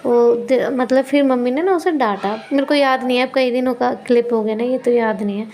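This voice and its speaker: A woman's voice: fairly quick, slight background noise. A young mother chatting through a home vlog voice-over in a rambling, self-correcting way. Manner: scolding loudly at high pitch in the clip. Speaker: vlogger and mother.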